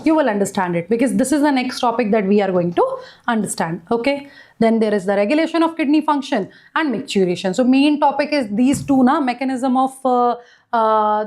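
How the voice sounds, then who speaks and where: A woman with a North Indian accent and a high-pitched voice teaches a live online lesson. She repeats key phrases and keeps breaking off to check with short questions that students are following. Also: a little mellow. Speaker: biology teacher.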